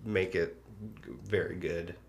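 Male podcast host, very low voice, loose chatty delivery with frequent laughs. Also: takes it slowly, gravelly, slight background noise. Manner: laughing, animated, lots of fillers. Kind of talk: casual chat.

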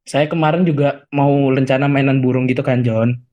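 A man's voice: medium pitch, fairly even intonation, normal speed, darkish tone. Teasing man. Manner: teasing, innuendo-laden, playful. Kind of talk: improvised comedic banter.

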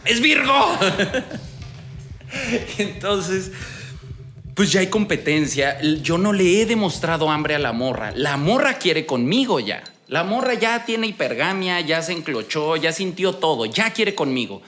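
Un hombre joven con acento mexicano cuenta una historia de ligue en tono casual y lleno de jerga, hablándole al oyente como a un compa. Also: male voice, fairly high pitch, sing-song, normal speed, hardly any pauses, a bit bright, faint music behind. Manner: slangy, streetwise, addresses listener as buddy. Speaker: dating advice host. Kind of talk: casual storytelling monologue.

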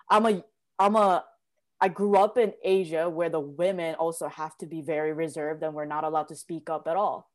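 During a conversation, a woman in her late twenties from South Korea shares her personal story in an earnest, reflective and emphatic way. Her voice is low-pitched with a darkish tone.

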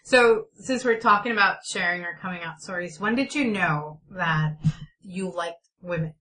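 A woman's voice: lowish voice, moderate pace, bright, forceful tone, low-quality recording. A woman hosting a talk show in a casual, conversational style. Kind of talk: casual chat.

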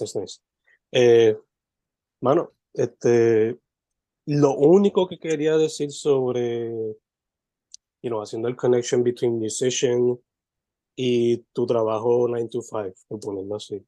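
A man's voice: mid-range voice, dry recording. Laid-back man hosting a podcast. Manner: relaxed, loose, code-switching between languages. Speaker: podcast host. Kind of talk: casual interview, mixing Spanish and English.

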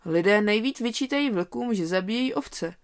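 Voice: mid-range voice, expressive, clean tone, voice pushed up, lightly acted. A storyteller voicing a cheeky, kind-hearted young male lamb. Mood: eager.

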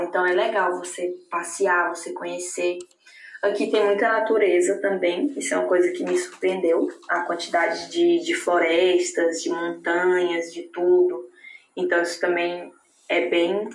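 Interviewee: chatty woman from northern Brazil, low-pitched, echoey room. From Tocantins, northern Brazil. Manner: chatty, many "né?" tags. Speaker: interviewee living in Germany. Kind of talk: casual interview chat.

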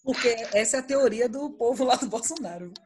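A woman's voice: a little high, a little fast, a little mellow, a little hiss or hum. A woman, telling family stories in a casual chat and animatedly acting out her kids' voices. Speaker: podcast co-host.

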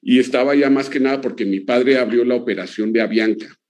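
A man in his sixties, an interview guest, answering in a relaxed, conversational way with frequent pauses. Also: medium pitch. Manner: relaxed, many "eh" and "pues" fillers.

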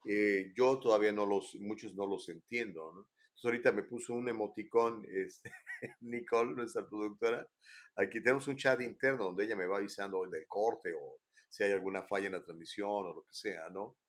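Speaking at a moderate pace in a lowish voice, an older Mexican-accented man hosts a casual live show from home. His chat rambles, and he keeps attaching tag questions to his sentences.

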